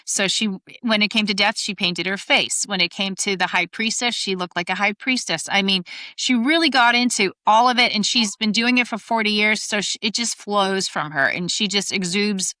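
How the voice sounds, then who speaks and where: A woman's voice: mid-range voice, moderate pace, pushed and bright, dry recording. An American woman co-hosting a podcast, telling stories in casual chat with lots of asides. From United States. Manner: chatty storytelling, lots of asides and fillers. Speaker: podcast co-host.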